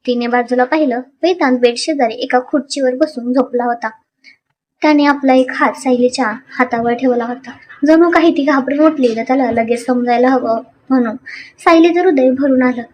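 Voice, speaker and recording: A woman narrating a dramatic story in an expressive, animated way. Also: sits high.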